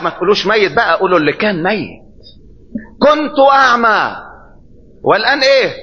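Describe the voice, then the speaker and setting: A bright, forceful Egyptian man's voice preaching with emphasis, pitched a little high for a man. He keeps asking his listeners questions and answering them himself. The recording is dull and lo-fi. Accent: Egyptian Arabic. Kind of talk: sermon.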